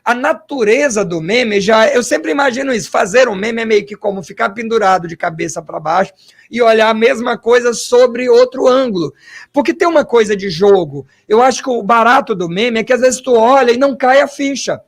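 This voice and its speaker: A man hosting an interview, a historian who thinks out loud and asks questions in long, winding stretches. His voice sits high and carries a rough, gravelly texture. He talks with animated asides and rhetorical questions. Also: fairly quick. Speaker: host and historian.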